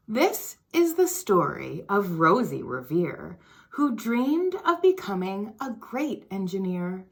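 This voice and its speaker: Slow and gravelly, at medium pitch, a school board member reads a children's picture book aloud. She gives it an expressive, sing-song storytelling delivery, now and then dropping to a whisper.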